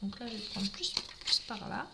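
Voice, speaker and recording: A woman's voice: medium pitch, expressive, moderate pace, heavy background noise. A woman giving a live craft demonstration, talking through each step and greeting viewers as she works.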